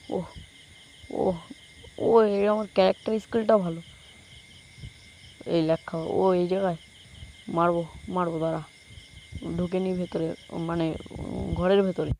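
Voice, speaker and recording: A man giving live gameplay commentary, excitable, urging himself on with quick repeated commands and joking about himself to viewers. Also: sits high, slight background noise. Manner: self-mocking asides to viewers. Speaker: gameplay streamer.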